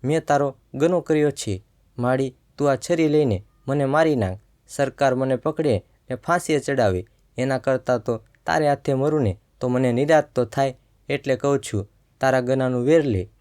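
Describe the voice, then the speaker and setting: A man telling a story, voicing a young fugitive son who talks low and choked. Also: normal speed, darkish tone, clean tone, natural voice. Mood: desperate. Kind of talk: storytelling narration.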